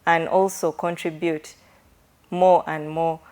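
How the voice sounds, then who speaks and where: A woman's voice: low-pitched, flat delivery, slow, mellow. A woman company representative making a formal statement in a documentary interview.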